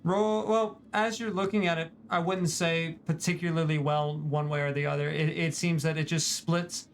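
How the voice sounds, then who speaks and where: A man's voice: a little high, level tone, normal speed, slight background noise. A man running a tabletop game as game master, describing scenes with frequent restarts and fillers.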